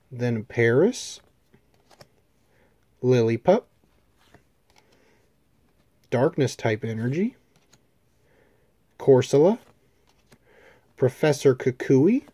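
A man casually chatting as he opens trading card packs, listing the cards in a relaxed way with fillers. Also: mid-range voice, no room sound. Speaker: card-opening channel host. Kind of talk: casual chat.

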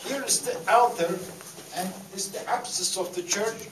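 A man working as a tour guide, explaining things to a group in halting short phrases, with an echoing cave sound. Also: high-pitched, noisy background. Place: underground rock-cut tunnels and chambers. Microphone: handheld camera some distance away. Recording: echoey cave, distant handheld camera mic, crowd. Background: tour group chatter.

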